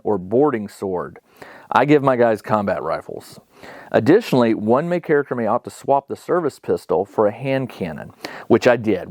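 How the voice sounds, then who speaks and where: A man's voice: medium pitch, a little mellow, dry recording, clean studio sound. A man casually narrating a solo tabletop game, reading out rules and thinking aloud in a conversational way. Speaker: solo tabletop wargame player and host.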